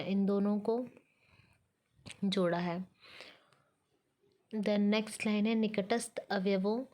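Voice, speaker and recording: A woman teacher reading out Hindi grammar sentences and explaining them slowly, with English words mixed in. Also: medium pitch, a little mellow. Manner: slow, careful dictation of each sentence, mixing in English words.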